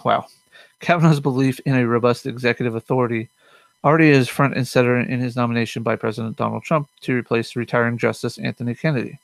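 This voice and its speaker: A man's voice: mid-range voice, no room sound. A young man hosting a casual politics show from his room at home, rambling with fillers and self-corrections. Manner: mutters to himself. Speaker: host of a politics commentary show.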